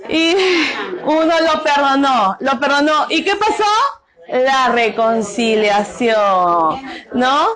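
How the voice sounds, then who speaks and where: A woman's voice: high-pitched, slow, a crowd in the background. A middle-aged woman leads a group workshop, often asking the audience questions and answering them herself with tag questions. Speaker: workshop speaker on domestic violence. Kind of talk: interactive talk to a group.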